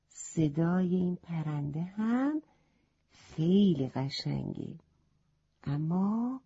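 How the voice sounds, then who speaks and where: A woman narrating a children's story, speaking gently to the young listeners, on a slightly muffled recording. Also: fairly low pitch, breathy edge.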